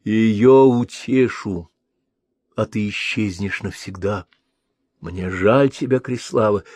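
A man's voice: lowish voice, slow, a little mellow, no echo. A man reading a stern, gloomy young prince. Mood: troubled. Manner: curt, commanding.

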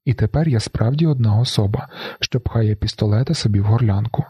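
A man reading a novel aloud in the first person, with a flat, brooding delivery. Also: on the low side, brisk, breathy edge, dry recording. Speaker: audiobook narrator.

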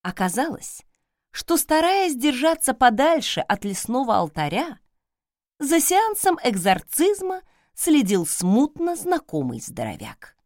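A woman narrates a story in a bright, animated voice that rises and falls a lot. The sound is close and dry, with no room around it. She reads steadily and slips into the characters' voices. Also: high-pitched, unhurried, dry recording. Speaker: audiobook narrator. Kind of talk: first-person audiobook narration with acted dialogue.

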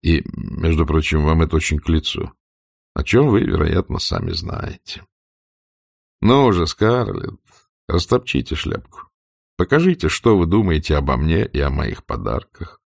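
A man reading an audiobook and voicing a cynical, self-assured man who teases in a slow, ironic drawl. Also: a bass voice, sing-song, creaky, no echo, studio quality, exaggerated voice. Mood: mocking. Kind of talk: audiobook character voice.

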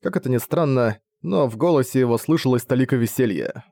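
A man narrating an audiobook in a steady, measured reading. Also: mid-range voice, creaky, dry recording, studio quality.

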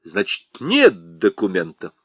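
A man's voice: fairly low pitch, wildly swooping pitch, measured pace, husky, no room sound, voice pushed down, full character voice. Male narrator voicing a mocking bureaucrat lieutenant; drawling, mock-official, dry close audio. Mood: smug.

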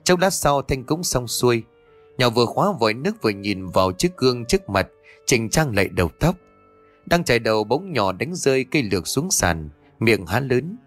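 A man reading a story aloud as an audiobook narrator, in a steady, even manner. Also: mid-range voice, moderate pace, faint music behind.

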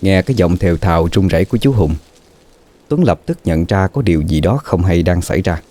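A man narrating a scripted horror story in a slow, dramatic, suspenseful way. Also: deep voice, mellow.

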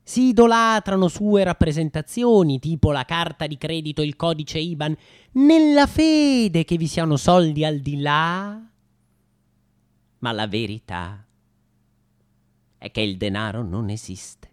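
Performing a mock-nostalgic comedic radio monologue, a late-twenties man leans theatrical, posing rhetorical questions and stumbling through hesitant repeats. His voice is on the high side and expressive, with a clean tone and a slightly slow pace.

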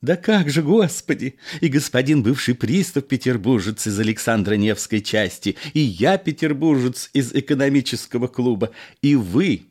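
A man voicing a nostalgic former card sharp who talks in effusive exclamations. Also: mid-range voice, expressive, moderate pace, few pauses, slightly rough, voice pushed up. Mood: gushing nostalgia.

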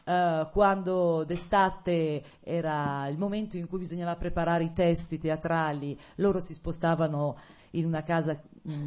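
A middle-aged woman from Italy, an actress, recounts her path in a lowish voice. She hesitates, fills pauses, and laughs often while talking casually to students in a lecture hall. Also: a little mellow. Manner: hesitant, laughing storytelling with many fillers. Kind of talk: casual autobiographical talk to students.

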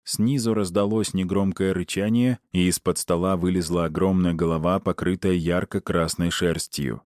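A man narrating an audiobook in a lively storytelling manner. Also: sits low, moderate pace, no room sound, clean studio sound.

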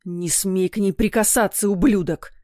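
A woman's voice: mid-range voice, steady tone, normal speed, warm tone, no echo, studio quality, lightly acted. A woman reading a story voices an angry middle-aged father who barks and growls his lines. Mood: furious. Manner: barking, growled threats. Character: furious hostile father, gruff middle-aged man.

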